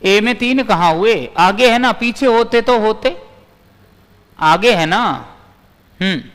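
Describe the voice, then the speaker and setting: A man's voice: high-pitched, slow, a bit bright, clear, resonant tone, in a large hall. A male physics teacher giving a live online class, repeating his points and answering viewers' comments as he goes.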